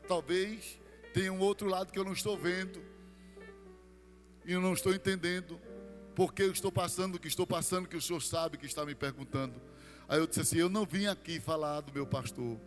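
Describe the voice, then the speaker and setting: Brazilian pastor preaching over music. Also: male voice, sits high, a little fast, long reverb tail. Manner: storytelling testimony, swings from hushed to shouted. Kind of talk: sermon. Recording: music playing behind.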